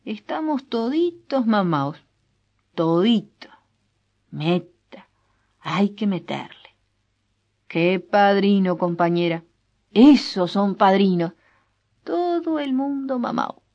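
A woman voicing a drunk, boastful rural man who rambles loudly and drags out his words. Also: mid-range voice, animated, voice pushed up. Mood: drunk boasting. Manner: loud, drawn-out, rambling. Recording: dull lo-fi recording.

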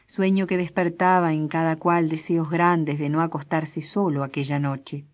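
A woman narrating a story in a steady, measured reading voice. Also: low voice. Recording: dull lo-fi recording.

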